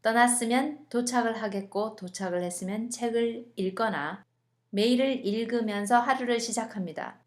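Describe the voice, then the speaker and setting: A young woman with a somewhat high voice narrates a scripted English lesson. She speaks clearly and deliberately, slowing down and drawing out example words as she coaches how each sound is made. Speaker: English teacher.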